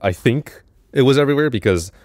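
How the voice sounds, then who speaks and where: A man's voice: mid-range voice, lively intonation, brisk, a little mellow, no echo, clean studio sound. A man narrating a video essay in a casual, conversational way, with asides and self-corrections.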